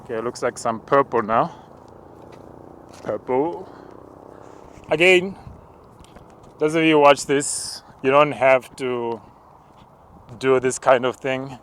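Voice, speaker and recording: A man preacher walking outdoors and narrating spiritual visions in a hushed, halting, contemplative way. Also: mid-range voice, a little hiss or hum. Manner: slow, hushed, halting and contemplative, with tongues-like words. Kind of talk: spoken prayer walk, narrated visions.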